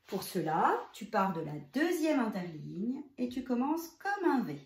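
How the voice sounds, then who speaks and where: A woman teacher guides a child through handwriting, one slow stroke at a time, in a fairly high voice that rises and falls a lot. Her voice rings in a roomy, echoing space. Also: a little mellow. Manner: slow, step-by-step explaining, addressing the child as "tu". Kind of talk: handwriting lesson for young children. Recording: roomy, echoey room.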